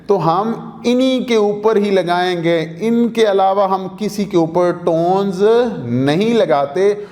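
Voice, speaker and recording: Man, Pakistani Urdu accent, language teacher, repeats himself, asks and answers own questions, high voice, reverberant studio. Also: darkish tone. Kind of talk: video lesson explaining rules.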